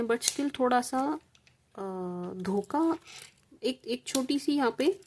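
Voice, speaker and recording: A woman's voice: medium pitch, darkish tone, a little hiss or hum. A woman from India giving a collective tarot reading in a casual, repetitive, reassuring way, mixing Hindi with English phrases. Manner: calls viewers "sweet sugar gems" and adds "ठीक है जी". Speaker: tarot reader.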